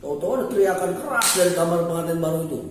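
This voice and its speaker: A male storyteller telling a comic folk tale, his voice lively and swooping with a somewhat high pitch. He sounds distant in a very echoey room over faint background noise. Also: rapid-fire. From West Java. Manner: animated, jumping between voices.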